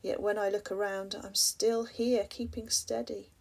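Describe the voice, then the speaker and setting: Husky, gravelly woman reading poetry. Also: mid-range voice, flat delivery, a little slow. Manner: soft, often breathy half-whisper, addressing the listener with reflective questions. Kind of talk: spoken-word poetry reading.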